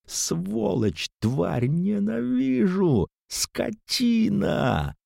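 A man's voice: on the high side, sing-song, takes it slowly, creaky, warm tone, breathy edge, no echo, clean studio sound, pitched above the performer's own voice, full character voice. A man voicing a hysterical, furious woman who shrieks and howls insults. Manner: shrieking, howling.

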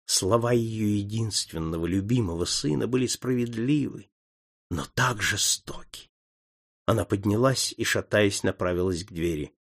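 Husky-voiced male audiobook narrator. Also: fairly low pitch. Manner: measured dramatic storytelling. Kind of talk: audiobook reading.

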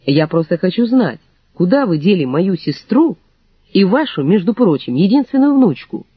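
A man's voice: high-pitched, sing-song, moderate pace, husky, dry recording, phone-quality sound, voice pushed up, full character voice. A man reading an audiobook, voicing a sarcastic, combative young woman. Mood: angry. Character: young woman, sharp and mocking.

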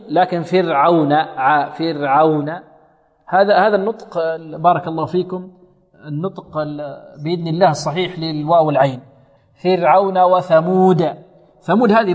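Guy teaching quran recitation, keeps asking the class questions and sounding letters out, echoey hall. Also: on the high side. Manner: quizzing students with questions, demonstrating sounds repeatedly. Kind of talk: classroom tajweed lesson.

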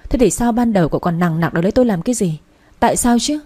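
A woman voicing a jealous young wife who answers in sharp, accusing words. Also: medium pitch, animated, very fast, breathy edge. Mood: hurt, angry.

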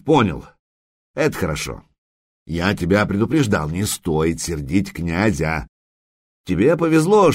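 A man's voice: deep voice, a little mellow, exaggerated voice. A man doing a stern old warrior. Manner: lecturing, warning. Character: stern older warrior man, a future father-in-law.

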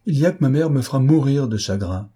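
A fiery, teary young woman pours out her grievances, put on by a man reading aloud, her voice pushed well above his normal range. The tone is plaintive and vehement, with a husky, breathy grain still audible. It comes across as a storybook character in full complaint. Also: medium pitch, expressive, quick pace, dark tone, voice pushed up. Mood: indignant. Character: tearful indignant young girl fiancée.

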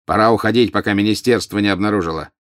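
A cold, sneering wizard snaps at his enemy and barks orders, as a man reading an audiobook puts him on. The voice sits low and dry, close to the reader's own. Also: fast talker, fairly bright tone, no echo, natural voice. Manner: sneering, barking commands.

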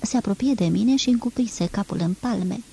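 A woman reads a literary novel aloud in a measured, expressive way. Her voice is mellow and breathy, with a soft, unhurried storytelling flow. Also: medium pitch, poor audio. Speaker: reader. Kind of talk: literary audiobook reading.

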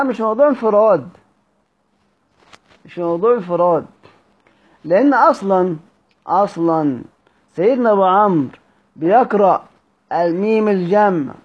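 A man with an Egyptian Arabic accent teaching a class, repeating questions to his students and reciting passages slowly in a drawn-out chant. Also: high voice, slightly rough, muffled recording.

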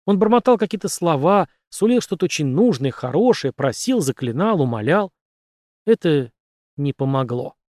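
Male narrator, expressive read, animated pitch, dry close recording. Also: moderate pace, no echo. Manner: expressive storytelling reading. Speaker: audiobook narrator. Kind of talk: scripted narration.

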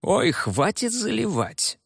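A man's voice: medium pitch, wildly swooping pitch, takes it slowly, no room sound, clean studio sound, voice pushed up, full character voice. A man voicing a rude, suspicious middle-aged police officer who barks his words. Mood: gruff. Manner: gruff, barking.

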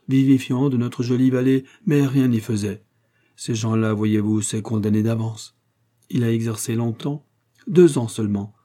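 A man's voice: medium pitch, mellow, close to an everyday voice. A man voicing a talkative middle-aged village carpenter who gushes eagerly.

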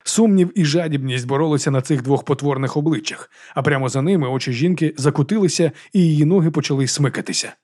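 A man's voice: fairly high pitch, fast, hardly any pauses, darkish tone. A man narrating a fantasy audiobook with dramatic storytelling.

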